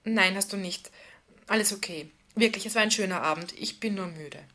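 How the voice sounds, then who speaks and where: A woman's voice: medium pitch, normal speed, sharp tone. A woman reading the part of a flustered adult woman, hesitant and nervous as she speaks. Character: anxious, flustered adult woman hiding her feelings.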